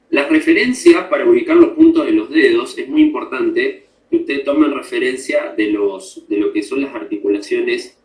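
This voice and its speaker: A man's voice: mid-range voice, big pitch swings, normal speed, vocal fry, a little mellow. A man teaching a class, explaining step by step and often checking that students follow. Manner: explanatory, checks understanding with frequent tag questions. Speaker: instructor. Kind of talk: classroom lecture. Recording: echoey room.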